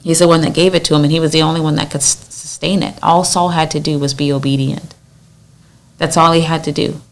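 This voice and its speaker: A woman's voice: low voice, flat delivery, quick pace, vocal fry. A woman leading a Bible study in an earnest, exhorting way, acting out the lines she quotes. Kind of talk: conversational Bible teaching.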